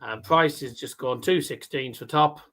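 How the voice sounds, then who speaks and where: A man's voice: mid-range voice, moderate pace, fairly bright tone, slight background noise. A man doing casual live darts commentary as a watchalong host, with trouble pronouncing his R sounds. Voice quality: cannot pronounce R sounds properly.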